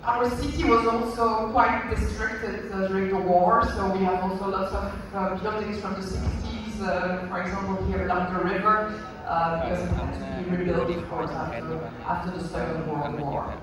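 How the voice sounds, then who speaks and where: A man's voice: sits high, fairly even intonation, normal speed, few pauses. Belgian french guy giving a conference talk, lots of ums, super echoey hall, background noise. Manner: hesitant, many fillers and restarts. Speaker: lecturer. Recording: echoey hall from far off, noisy.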